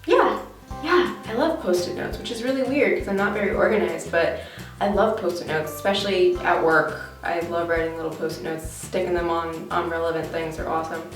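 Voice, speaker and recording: A woman's voice: lowish voice, a little fast, recorded from a distance, soft background music. A young American woman chatting casually and informally to camera as a vlogger, recorded in an echoey bathroom. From Connecticut, USA. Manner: talky, informal. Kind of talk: casual chatty tag video. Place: small bathroom, indoors.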